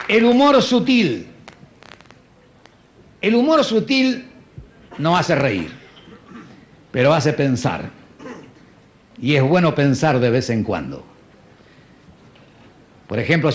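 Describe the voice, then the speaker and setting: A man performing a stand-up comedy monologue in a dry, understated deadpan manner. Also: fairly high pitch. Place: stage before a live audience. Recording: live show with audience and faint noise.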